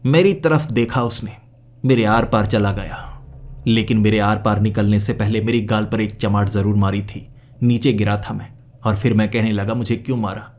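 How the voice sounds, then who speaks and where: A man narrating a first-person horror story in a dramatic, steady way. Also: on the low side, normal speed.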